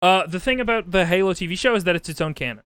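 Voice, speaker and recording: A man's voice: sits high, fast, a bit bright, clean tone, dry recording. A man streaming a video game, chatting casually in a rambling, wry, sweary way. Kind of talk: casual game commentary and chat. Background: game music.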